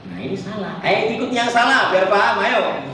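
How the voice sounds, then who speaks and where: A man teaching a Quran recitation workshop, explaining the melody and chanting verses slowly for the group to repeat. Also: high voice, lively intonation, sharp tone, slight background noise. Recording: echoey hall, distant mic.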